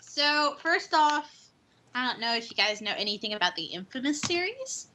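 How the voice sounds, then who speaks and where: A woman talking eagerly about games she looks forward to, in a relaxed podcast chat. Her voice sits a little higher than most women's. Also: moderate pace, a little hiss or hum. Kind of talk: casual gaming chat.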